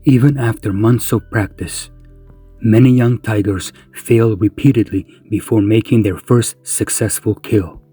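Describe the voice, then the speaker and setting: A male narrator with a dark, husky voice delivers scripted nature documentary lines. His phrasing is deliberate and solemn, at a mid-range pitch. Music plays behind him. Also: no room sound.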